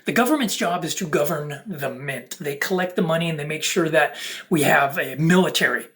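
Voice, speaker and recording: A content creator speaks to viewers in an unscripted, preachy monologue made of emphatic, broken-up phrases. The voice is medium-pitched, brisk, and a bit bright.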